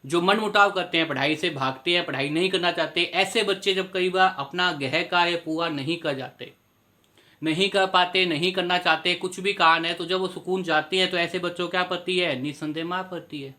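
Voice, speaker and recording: A man's voice: sits high, fairly even intonation, normal speed, sharp tone. A male teacher giving a class lecture, posing questions to his students and answering them himself, repeating points to drive them home. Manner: repetitive, explanatory teaching tone.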